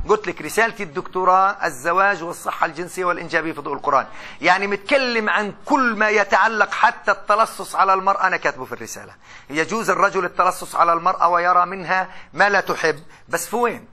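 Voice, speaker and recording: A middle-aged man from Gaza, Palestine, with a Palestinian Arabic accent, gives a chatty university lecture. He poses questions to his students and then answers them himself, speaking in a high voice with a sharp tone.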